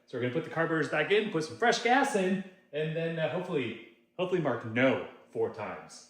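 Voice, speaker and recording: A man hosting a casual do-it-yourself vlog, talking to himself with excitable, self-mocking energy as he tests his tools. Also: on the high side, fairly quick, reverberant. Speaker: DIY video host. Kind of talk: casual vlog narration while testing tools.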